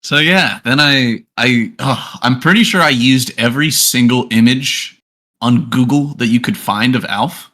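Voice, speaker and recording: A man's voice: medium pitch, unhurried, a bit bright. A man co-hosting a podcast in casual chat, joking, swearing and laughing often. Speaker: podcast co-host.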